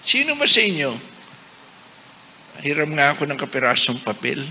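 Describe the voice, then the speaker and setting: Animated bishop preaching in an echoey hall. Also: male voice, on the high side, normal speed. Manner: animated, rhetorical, questions the crowd. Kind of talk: sermon. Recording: echoey hall, faint noise.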